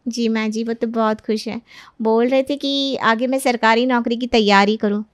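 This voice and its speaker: A woman's voice: fairly high pitch, steady tone, moderate pace, no echo, studio quality, natural voice. A woman doing a polite young daughter-in-law. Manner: polite and respectful. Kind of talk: animated cartoon voicing.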